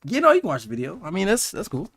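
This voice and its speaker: A man's voice: high-pitched, huge pitch swings, racing, fairly bright tone, slightly rough. Slangy, incredulous young streamer guy. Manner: slangy, incredulous, joking asides. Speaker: livestream reaction host. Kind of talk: casual reaction commentary. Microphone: earphones on, desk setup.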